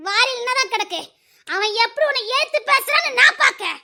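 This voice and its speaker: A woman's voice: very high-pitched, animated, a little fast, bright, forceful tone, full character voice. An actress playing a bitter, abandoned middle-aged wife who lectures emphatically and repeats her warnings, in serial drama style. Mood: urging. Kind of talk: Tamil serial drama acting.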